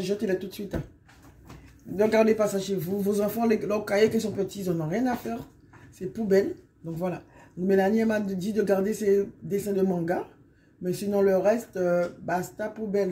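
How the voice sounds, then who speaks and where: Hoarse chatty middle-aged woman vlogging. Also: medium pitch, warm tone. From Guadeloupe. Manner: chatty and rambling, often sums up with "donc voilà". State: hoarse from illness. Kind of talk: casual vlog chat.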